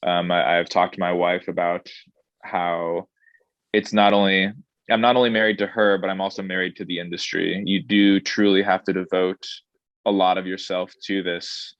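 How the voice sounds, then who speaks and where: Restaurant director, man, thirties, low and thoughtful, muffled dry sound. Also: level tone, fairly bright tone, dry recording. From born in Saudi Arabia, grew up in Indonesia. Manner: thoughtful, measured, with frequent ums and restarts. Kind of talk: interview answers.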